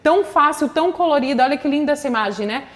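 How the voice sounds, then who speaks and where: A woman's voice: sits high, lively intonation, fast talker, long reverb tail. A woman hosting a casual interview program, agreeable and affirming, often ending phrases with a questioning tag. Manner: agreeable, affirming, frequent "né?" tags. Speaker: program host.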